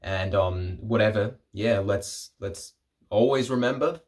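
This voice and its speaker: A man's voice: fairly low pitch, unhurried. A young man talking in a rambling, jokey way, making casual solo commentary for his video channel and often breaking off his own sentences. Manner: rambling, jokey, self-interrupting. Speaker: vlogger.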